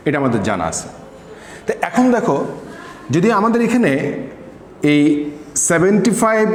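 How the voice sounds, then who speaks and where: Male physics teacher, kinda high voice, asks then answers his own questions, long reverb, faint hiss behind. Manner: asks questions and answers them himself, repeats key points; mixes English words into Bengali. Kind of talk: classroom lesson explaining an assignment. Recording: echoey room with long reverb, faint background noise.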